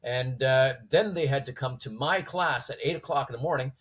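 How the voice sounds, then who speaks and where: A man with a slightly husky voice telling stories conversationally as a guest, informally acting out quoted dialogue and posing rhetorical questions. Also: mid-range voice, normal speed, a bit bright. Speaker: podcast guest, former police trainer. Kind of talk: animated conversational storytelling.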